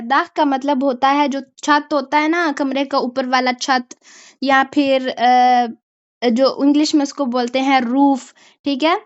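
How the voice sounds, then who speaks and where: In this lo-fi clip with no room sound, a woman with a high, fairly bright voice teaches an online German lesson. She explains pronunciation patiently and keeps checking on her students, often repeating "ठीक है?" to make sure they understand.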